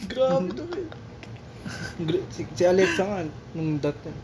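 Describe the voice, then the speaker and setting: High-voiced young man, quick reactions. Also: lively intonation, noisy background. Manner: short reactive interjections. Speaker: podcast co-host. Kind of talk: casual group chat among friends.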